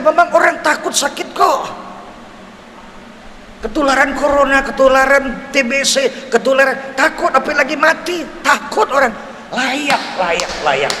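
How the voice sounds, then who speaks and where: An older man in his seventies gives a mosque sermon lesson in a Betawi Jakarta accent. His voice sits high and lively, and he acts out small voices and keeps asking the crowd questions. The talk rings through a large, echoey mosque hall with a long reverb tail and a faint hum of ambience. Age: 70s. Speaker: preacher.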